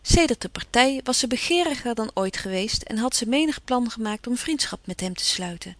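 A woman narrating an audiobook with measured, even pacing. Her voice sits on the high side and is recorded very dry and close. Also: no room sound. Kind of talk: scripted narration.

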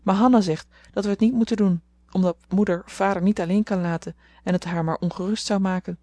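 A woman's voice: mid-range voice, steady tone, fairly quick, dark tone, no room sound, close to an everyday voice. A woman voicing a sensible eldest sister who speaks earnestly and in a commanding way.

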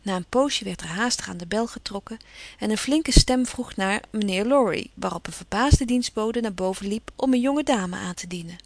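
A woman reading a classic novel aloud in a measured, even storytelling manner. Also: medium pitch, creaky, dry recording. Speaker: audiobook narrator. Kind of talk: scripted narration.

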